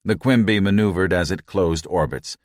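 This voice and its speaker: Deep male audiobook narrator, dry close mic, steady reading. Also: moderate pace, dry recording. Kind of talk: scripted narration.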